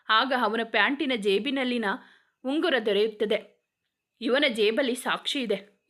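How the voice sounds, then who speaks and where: A woman narrating a scripted crime story in a dramatic, steady storytelling manner. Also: on the high side.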